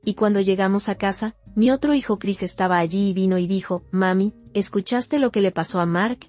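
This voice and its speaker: A woman narrates a personal testimony in first person, her delivery steady and sober. Her voice sits at an ordinary middle pitch with a soft, mellow warmth. A faint plucked guitar plays underneath. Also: a little fast. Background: faint guitar music.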